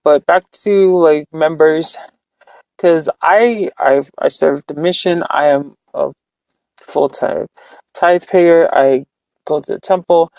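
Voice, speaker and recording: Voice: mid-range voice, takes it slowly, vocal fry, darkish tone, dry recording, rough recording. A live-streamer from California talking in a casual, earnest, reflective way, rambling with frequent restarts. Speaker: livestreamer.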